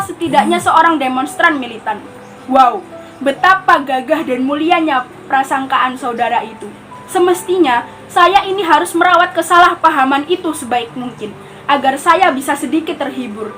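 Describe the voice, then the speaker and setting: Stage monologue: a schoolgirl as a lonely jailed prisoner, high-voiced, bossy and suspicious, faint music under it. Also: a bit bright, poor audio. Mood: brooding. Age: teens. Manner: scolding, swinging from pleading to threatening. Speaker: student performing a monologue. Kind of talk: theatrical monologue.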